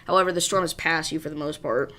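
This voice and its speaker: A woman with a slightly low voice gives live weather commentary. She hosts the stream informally, reading out alerts and thinking aloud. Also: steady tone, quick pace, fairly bright tone. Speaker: storm livestream host.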